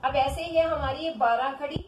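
A woman teacher giving a children's Hindi phonics lesson, drawing syllables out slowly and calling the children "beta". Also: high-pitched, steady tone. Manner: slow, drawn-out syllables for children. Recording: echoey room with faint background noise.

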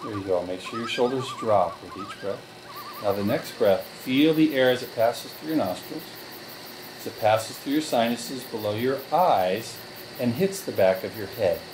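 A man leading a relaxation group through guided breathing, giving slow, calm step-by-step directions. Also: medium pitch, noisy background.

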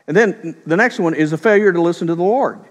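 A middle-aged man preaching a sermon, telling stories in a conversational way and slipping into quick voiced quotes. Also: sits high, long reverb tail. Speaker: pastor.

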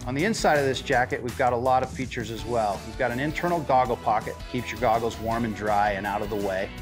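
A man's voice: fast, music in the background. Middle-aged salesman walking through jacket features. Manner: friendly, steady sales pitch. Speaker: ski shop salesman. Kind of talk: product demonstration.

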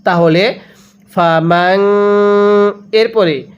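A man teaching Quran recitation step by step, chanting each word slowly and asking the listener questions he then answers. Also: high-pitched. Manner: drawn-out chanted recitation between brisk explanations.

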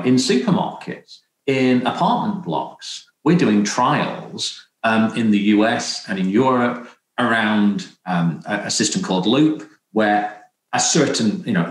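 A middle-aged man speaking on a video-call panel, earnest and emphatic, repeating his key points. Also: fairly low pitch. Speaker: panelist, consumer goods executive. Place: home room with stone wall. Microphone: video call webcam. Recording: echoey room on a webcam.

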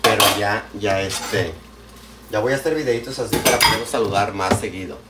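A man with a lowish voice and a Mexican accent talks at a moderate pace to livestream viewers while cooking in his home kitchen at night. Chatty and affectionate, he greets people by name, uses slang and pet names, with frying and clattering pots and dishes behind him.

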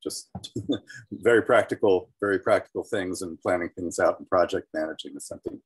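A man's voice: deep voice, brisk, husky, poor audio. A man talking over a video call whose connection keeps breaking up, hesitant with many restarts. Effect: choppy video-call connection breaking up. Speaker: call participant. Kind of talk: casual meeting chat.

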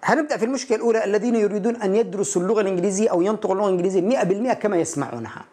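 Male language teacher, husky tone, emphatic and direct with viewers. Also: sits high, animated, racing, mellow. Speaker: English teacher. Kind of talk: online language lesson.

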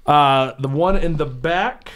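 A man's voice: fairly high pitch, slow, fairly bright tone. A man in his thirties hosting and narrating a tabletop game as game master, in casual banter on a close studio microphone. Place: small studio, indoors. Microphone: close studio microphone on an arm.

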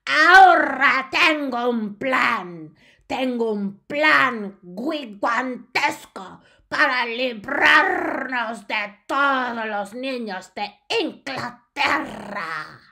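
A woman voicing a furious, hateful grand witch in a storybook reading, shrieking her words slowly and drawn out. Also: fairly high pitch, lively intonation, vocal fry, sharp tone, pitched above the performer's own voice, heavily acted. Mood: screeching hateful. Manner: slow, drawn-out shrieking declarations. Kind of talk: storybook read-aloud.

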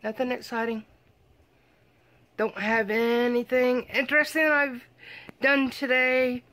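A woman's voice: a little high, little pitch movement, slow, fairly bright tone. A tired, sleepy woman vlogging casually from her bedroom at night, rambling with many ums and slightly slurred words. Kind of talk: casual vlog chat.

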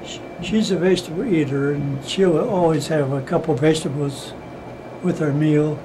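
Very old man, 90s, slightly high voice, halting conversational interviewee, noticeable background hum. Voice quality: very old man's voice. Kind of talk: casual interview. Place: indoors, small room.

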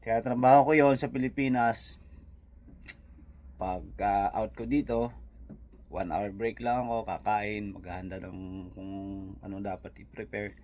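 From the Philippines and vlogging in New Zealand, this man speaks with a Visayan accent in a lowish, slightly mellow voice. He takes a measured pace while casually rambling over viewer comments, full of fillers and side remarks.

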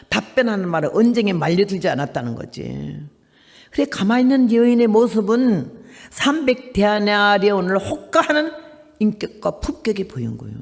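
An older woman, a missionary, preaches a sermon full of stories, her medium-pitched voice swinging dramatically between soft and loud. The sound carries the echo of a big room.

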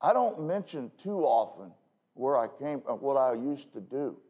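A male pastor preaching a sermon from the pulpit in a conversational way, full of self-deprecating asides and quick "okay?" checks with the congregation. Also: mid-range voice, very animated, dark tone. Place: church pulpit.

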